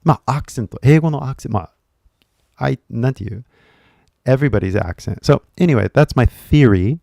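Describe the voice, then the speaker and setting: A man's voice: mid-range voice, expressive, normal speed, vocal fry, darkish tone, dry recording, studio quality. A man who is a native English speaker, chatting casually on a livestream as an English teacher, rambling and switching between Japanese and English with frequent laughter.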